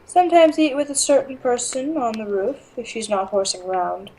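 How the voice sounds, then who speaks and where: A woman voicing a dreamy, deadpan teenage schoolgirl who speaks flat and blunt. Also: fairly high pitch, fairly quick, slight background noise, lightly acted, rough recording.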